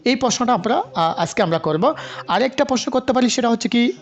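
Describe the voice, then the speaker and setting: A man teaching an online exam-prep lecture, going through a question list, mixing Bengali and English with frequent filler pauses and repetition. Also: very high voice, animated. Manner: mixes Bengali and English, many filler pauses, repeats himself. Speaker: online English literature tutor.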